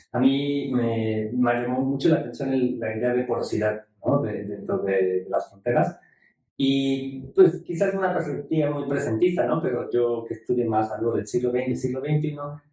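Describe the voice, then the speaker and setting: Man in academic discussion, dark mellow tone, halting delivery, distant roomy pickup. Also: medium pitch. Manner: halting, searching for words.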